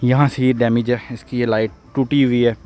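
A chatty, excitable male vlogger with a medium-pitched, brisk voice and a Pakistani Urdu accent tours an outdoor car auction lot. Filming on a handheld phone camera, he walks and talks casually, exclaiming over the cars.

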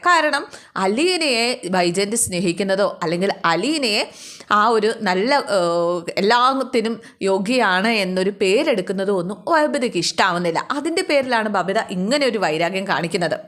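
A woman's voice: mid-range voice, animated, moderate pace, a bit bright. A woman retelling a serial's plot in a chatty, casual storytelling style.

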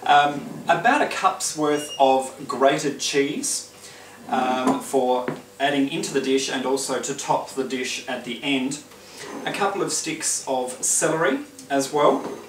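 A man's voice: medium pitch, takes it slowly, background noise, lightly acted. Man playing a genteel lady cooking hostess, roomy kitchen. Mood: poised, instructive. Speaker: cooking show host. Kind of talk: cooking demonstration. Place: indoor home kitchen. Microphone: distant camera microphone. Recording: roomy kitchen, distant mic, clattering dishes.

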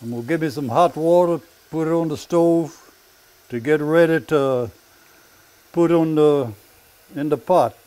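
A man's voice: on the high side, unhurried, pauses often, dark tone. An elderly man with a Cajun Louisiana accent, casually telling stories and explaining his home cooking in plain, folksy short phrases. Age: elderly, 70s or older. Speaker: home cook and storyteller. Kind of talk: casual cooking demonstration and storytelling. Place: home kitchen, indoors. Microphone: lapel microphone. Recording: clearly audible room and kitchen noise.

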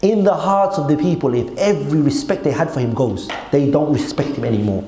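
A man's voice: a little high, fairly quick, warm tone. A man giving an emphatic, conversational religious lecture as a teacher, checking in with listeners through rhetorical questions. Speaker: Islamic teacher. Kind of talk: religious lecture explaining a text to a class. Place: seated at a desk in a hall indoors. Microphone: gooseneck desk microphone. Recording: echoey room with faint background noise.

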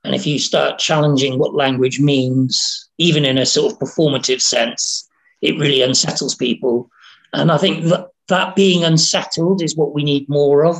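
Creaky-voiced man from Wales, halting speech. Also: on the high side, steady tone, rough recording. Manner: halting, with many restarts and repeated words. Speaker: writer, interview guest. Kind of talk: casual conversation.

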